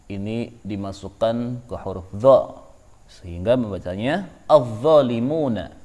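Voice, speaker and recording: A man gives a slow, careful lesson at an unhurried pace. He works through each rule with patience, repeating the examples for his students. His pitch sits in the middle range. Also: a little mellow. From Indonesia. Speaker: Quran recitation teacher. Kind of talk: tajwid lesson.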